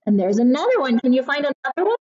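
A woman in her thirties, a kindergarten teacher reading aloud and explaining to young children in a simple, deliberate, encouraging way, as if to a toddler. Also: sits high, very animated, a little mellow, echoey room, lo-fi sound. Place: classroom, indoors.

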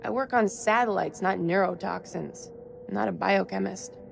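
A woman's voice: medium pitch, moderate pace, creaky, faint music behind. An actress playing an injured, weary, bitterly sarcastic female scientist in a cinematic horror game. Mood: irritated. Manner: sardonic, weary. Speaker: video game character actor.

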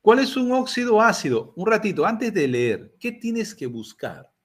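A man's voice: sits high, very animated, measured pace, husky. An older man with a Peruvian Spanish accent teaching a chemistry class, asking students questions and answering them himself. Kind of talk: classroom lecture.

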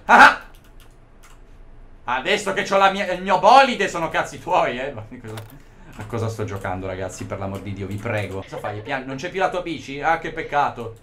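An excitable young man comments on a horror game, his voice leaping up and down in lively swings. His tone is bright and forward, with a faint hiss of noise behind it. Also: mid-range voice. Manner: excitable, swears, swings from panic to mockery. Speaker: gaming YouTuber.

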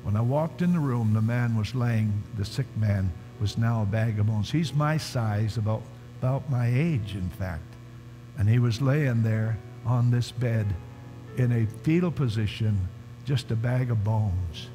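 A man's voice: medium pitch, unhurried, warm tone. A man preaching a sermon at a conference, telling a story emphatically and calling out to the congregation. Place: large conference hall. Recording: reverberant hall, faint music underneath.

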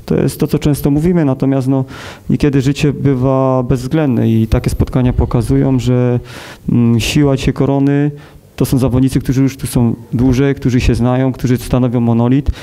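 30s guy coaching, super dark tone, slow and halting, lots of ums, press room table mic. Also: mid-range voice, flat delivery. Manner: measured, hesitant with many fillers. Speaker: football coach. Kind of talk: post-match press conference. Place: press conference room with sponsor wall.

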